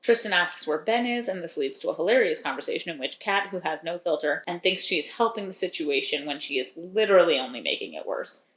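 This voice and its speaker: A woman's voice: on the low side, very animated, quick pace, few pauses, reverberant. A woman co-hosting a podcast, recapping a romance novel in a chatty, wry way and laughing often. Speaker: podcast co-host recapping a book. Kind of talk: casual chat.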